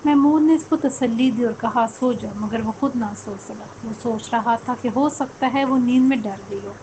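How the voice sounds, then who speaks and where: A woman narrating a scripted story in a steady, even storytelling delivery. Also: on the high side, a little hiss or hum, rough recording.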